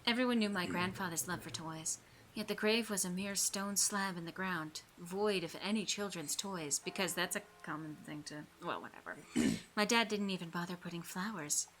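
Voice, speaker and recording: Bright-voiced woman streaming a game. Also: on the low side, moderate pace, slight background noise, low-quality recording. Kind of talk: live stream reading and chat.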